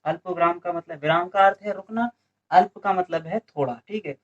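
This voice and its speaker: A man from India coaches exam students in Hindi grammar, talking briskly in a high, slightly bright voice, and the recording's highs are cut off. He repeats questions before answering them himself, leaning on frequent "ठीक है" (okay) fillers.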